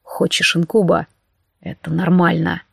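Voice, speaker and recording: Woman voicing a hoarse male incubus demon. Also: completely flat delivery, fairly bright tone, dry recording, clean studio sound, exaggerated voice. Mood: husky. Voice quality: hoarse, low whisper. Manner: slow, husky and teasing. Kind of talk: audiobook character voice.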